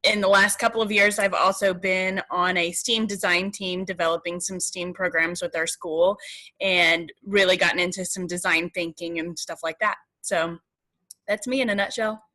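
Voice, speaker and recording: A woman science teacher giving a brisk, matter-of-fact introduction on a video call. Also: fairly low pitch, fairly even intonation, sharp tone. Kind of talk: casual self-introduction.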